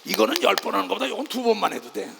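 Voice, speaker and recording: A man preaching a sermon as pastor, swinging between loud shouting and low murmurs and calling the congregation to clap and raise their hands. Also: wildly swooping pitch, rapid-fire, vocal fry, long reverb tail, noisy background.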